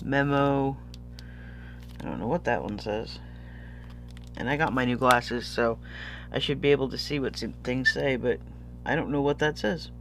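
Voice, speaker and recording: A man's voice: mid-range voice, moderate pace, pauses often, a bit bright, a little hiss or hum. A sniffly man chatting casually as a vlogger unboxing purchases, rambling and easily losing his thread. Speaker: vlogger showing stationery purchases.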